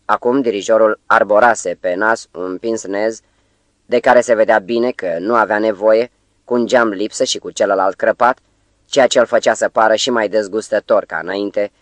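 A man narrating an audiobook in a measured, even storytelling manner, close to the mic. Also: fairly low pitch, no room sound. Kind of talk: scripted narration.

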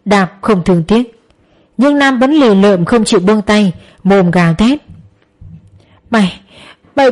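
A woman reads a dramatic story aloud. Her delivery is emotive and tense, and she speaks at an everyday pitch. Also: darkish tone. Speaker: narrator.

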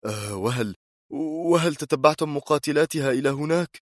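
A man's voice: on the high side, fairly quick, dry recording, voice pushed up, lightly acted. An irritable, cornered government minister, voiced by a male audiobook narrator, answers with tense, hesitant lines. The sound is dry and close to the mic. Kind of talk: audiobook character voice.

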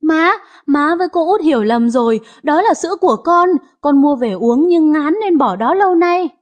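A woman's voice: sits high, lively intonation, moderate pace. A woman voicing a scheming young daughter-in-law, who stammers and pleads. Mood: flustered.

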